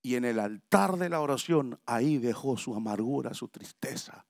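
A male pastor preaching a sermon at a family retreat, emphatic, swinging between loud cries and hushed asides. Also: medium pitch, animated, normal speed, gravelly, no echo, studio quality. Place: church family retreat hall.

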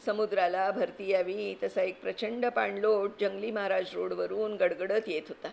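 A woman giving an expressive, vivid reading of a story aloud. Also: mid-range voice, normal speed, creaky. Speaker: story reader.

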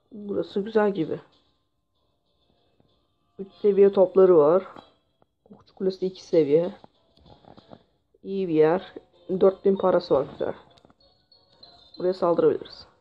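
A man with a sore throat giving excitable gameplay commentary, swearing at the game as he plays. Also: high-pitched, creaky. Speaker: gaming channel host. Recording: dull lo-fi mic with faint hiss.

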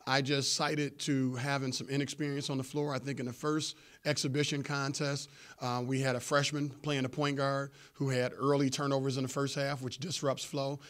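Coach guy in his 40s at a press table mic, talks it through slow and steady, lots of ums. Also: mid-range voice. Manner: measured, explanatory coach talk with frequent fillers. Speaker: head basketball coach. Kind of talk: postgame press conference answers. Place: press room before a sponsor backdrop. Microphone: table microphone in front of him.

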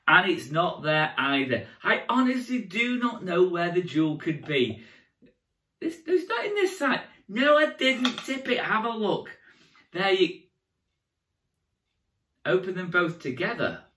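Animated kids' party magician, man, echoey room. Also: fairly high pitch. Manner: animated kids' party magician, exaggerated and playful, addressing children. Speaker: children's magician. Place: indoor room with curtain backdrop. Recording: echoey room, distant microphone.

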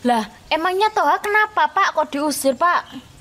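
High-voiced woman in a sketch. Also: lively intonation, normal speed, pushed and bright. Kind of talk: comedy sketch acting.

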